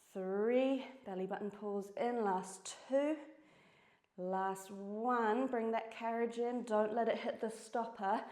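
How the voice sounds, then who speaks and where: A woman with a New Zealand accent cues exercises in a mellow, dark voice while working out herself. She is out of breath and keeps up steady encouragement. The sound carries the echo of a studio room. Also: medium pitch. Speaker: fitness instructor. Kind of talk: workout class instruction. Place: indoor reformer studio.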